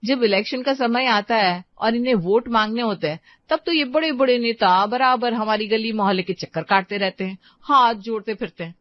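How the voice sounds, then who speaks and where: A woman's voice: fairly high pitch, moderate pace, hardly any pauses, dry recording, close to an everyday voice. A woman voicing a sweet but distracted young wife in a cartoon, chatty and pleading. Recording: dry, slightly dull lo-fi sound.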